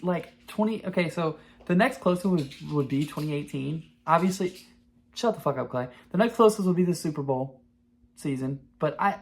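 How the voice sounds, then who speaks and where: A man in his twenties hosting a podcast, talking in a rambling, profane, excitable way in casual sports chat. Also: a little high. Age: 20s. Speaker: podcast host.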